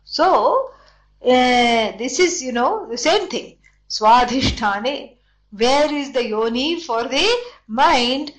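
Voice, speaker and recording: A woman with an Indian accent teaching scripture in a deliberate, explanatory way, posing questions and then answering them. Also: high-pitched, animated. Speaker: spiritual teacher. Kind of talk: scripture lesson with chanted verses and explanation.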